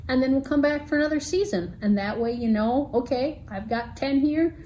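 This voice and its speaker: A woman co-hosting a podcast, chatting in an animated, teasing way and laughing often. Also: high-pitched, normal speed, a little hiss or hum. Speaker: podcast co-host. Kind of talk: casual chat.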